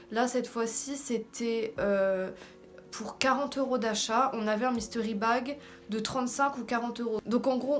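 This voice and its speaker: A woman with a French accent, also on English words, giving an informal, slangy, self-deprecating beauty haul chat. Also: a little high. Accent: French, heard also in her English. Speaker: beauty vlogger. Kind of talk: casual haul video chat. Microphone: camera in front of her with ring light.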